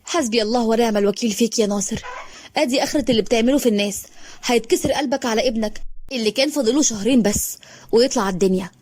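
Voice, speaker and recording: A woman voicing a wronged young woman who grieves and speaks bitterly in Egyptian Arabic, her voice rising high in anguish. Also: a little mellow, no echo, studio quality, lightly acted.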